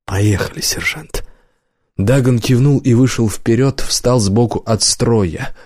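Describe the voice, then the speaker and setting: A man narrating an audiobook in a measured, even storytelling manner, close to a studio mic. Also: medium pitch, no echo.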